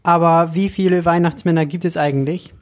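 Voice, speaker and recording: A man's voice: on the high side, fairly even intonation, fairly quick, pitched above the performer's own voice, close to an everyday voice. A man voicing a curious young boy who keeps asking eager questions in a storybook reading.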